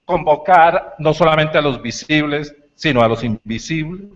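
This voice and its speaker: Man, lecture talk, animated storytelling, dull lo-fi sound. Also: fairly high pitch, normal speed. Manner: animated storytelling, shouts acted lines. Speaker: university lecturer.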